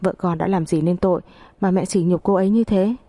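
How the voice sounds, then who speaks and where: Earnest young husband standing his ground , read by a woman, low mellow voice. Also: fairly even intonation, a little fast, dry recording. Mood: firm. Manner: earnest, firm. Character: young husband, protective and firm.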